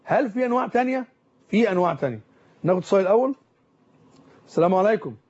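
A man with an Egyptian accent, a doctor hosting a call-in show, brisk and asking pointed questions. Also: high voice, expressive, a little mellow, highs cut off. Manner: brisk, brief acknowledgments, asks pointed questions. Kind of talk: call-in medical advice show.

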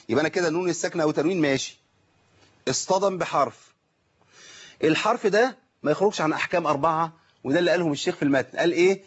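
Egyptian male recitation teacher, quick and slightly high, muffled call audio, quizzes himself as he explains. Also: slightly rough. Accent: Egyptian Arabic. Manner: asks questions and answers them himself. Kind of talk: online lesson.

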